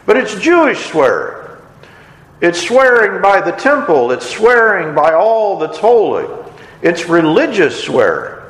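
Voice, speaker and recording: A man's voice: fairly high pitch, a bit bright. A man preaching a sermon, retelling a story and briefly acting out the characters' lines with expression. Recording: echoey hall.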